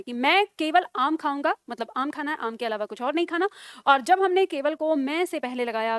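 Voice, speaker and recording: Woman teacher, high voice, dry close sound; patient classroom delivery, spells out examples slowly for dictation. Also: no echo. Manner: slow dictation with repeated words, checking questions. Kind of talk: classroom grammar lesson.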